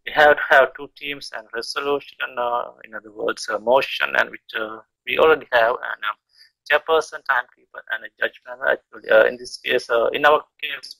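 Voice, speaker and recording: Gravelly, bright-voiced man chairing a debate. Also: mid-range voice, no echo, low-quality recording. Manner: hesitant, many fillers and restarts. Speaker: debate chairperson and podcast host. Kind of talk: casual podcast talk, chairing a debate.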